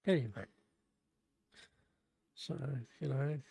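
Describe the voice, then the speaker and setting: Gravelly young man chatting on a live build. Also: medium pitch, lively intonation, slow, mellow, no room sound. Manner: chatty, self-deprecating, stumbles over reading. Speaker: livestreamer building a Lego set. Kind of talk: casual live-stream chat, reading the manual aloud.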